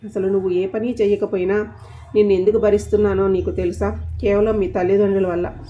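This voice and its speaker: A woman's voice: mid-range voice, flat delivery, fairly quick, warm tone, dull audio, lightly acted. A woman voicing a stern young man who angrily scolds a friend in an audio story. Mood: angry. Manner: scolding, accusing. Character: stern young male boss, angry friend.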